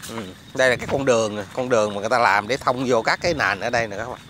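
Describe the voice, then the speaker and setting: A bright, crisp-voiced man talking casually to his viewers as he films outdoors on a phone. He keeps asking if they can hear and see things. Faint rain and frog croaks sit behind him. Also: mid-range voice, racing, a little hiss or hum. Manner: chatty, addresses viewers constantly. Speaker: vlogger. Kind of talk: casual outdoor vlog commentary. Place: outdoors in rain at a quiet resettlement area. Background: rain and frogs croaking.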